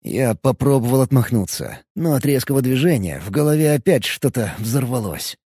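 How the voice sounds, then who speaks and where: A man narrating a first-person audiobook in an expressive, lively way. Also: mid-range voice, moderate pace, slightly rough, no room sound, clean studio sound.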